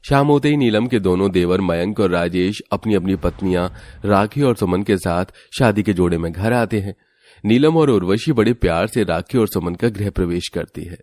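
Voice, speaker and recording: A man narrating an animated family story in a steady, scripted storytelling delivery. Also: low voice, normal speed, dry recording.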